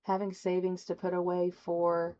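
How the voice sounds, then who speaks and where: A woman's voice: fairly low pitch, monotone, normal speed, warm tone, muffled recording. A woman giving a rambling, folksy spiritual tarot reading to her viewers. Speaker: tarot reader. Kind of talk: casual spoken tarot reading.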